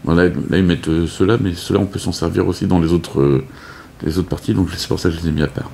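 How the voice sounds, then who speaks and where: A man's voice: low voice, fairly even intonation, quick pace, creaky, a little mellow, slight background noise. A man casually explaining a board game setup, hesitant with many fillers and restarts. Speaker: board game video host. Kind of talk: casual unscripted game tutorial.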